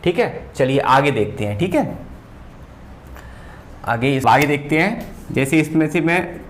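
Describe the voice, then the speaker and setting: A male teacher giving a whiteboard grammar lesson, pausing and repeating words as he writes. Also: fairly high pitch, animated, slight background noise. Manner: slow, repeats words while writing, often says "ठीक है".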